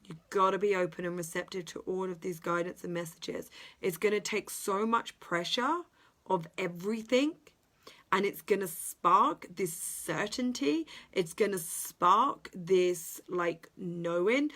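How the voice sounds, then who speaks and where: A woman's voice: mid-range voice, measured pace, a bit bright. A woman speaking as a self-development coach in a motivational podcast monologue, earnest and emphatic, with repeated phrasing and the odd drop into a whisper.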